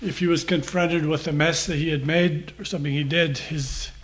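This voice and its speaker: Older male preacher, slightly high voice, slow measured scripture reading and plain sermon talk. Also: steady tone, a bit bright.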